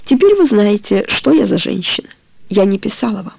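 An audiobook reader voicing a weary, ashamed middle-aged woman who confesses to her suitor in a low, hollow, bitter tone. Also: big pitch swings, normal speed, creaky, a little mellow, husky, dry recording, exaggerated voice, poor audio. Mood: confessing.

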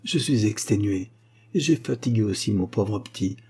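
A man's voice: fairly low pitch, expressive, normal speed, warm tone, breathy edge, heavily acted. A man voicing a poor, exhausted young soldier's wife who tells her troubles in a tired, pleading way. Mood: weary.

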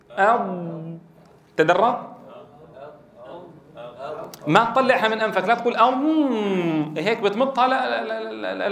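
A middle-aged Quran recitation teacher with a high, slightly bright voice teaches a classroom lesson in a roomy-sounding space. He explains, quizzes his students, and drills sounds aloud.

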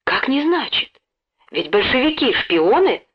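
Woman reading as a young schoolboy, excitable, shrill, raised pitch, muffled lo-fi sound. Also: unhurried, breathy edge, full character voice. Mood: sobbing. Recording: dull lo-fi recording.

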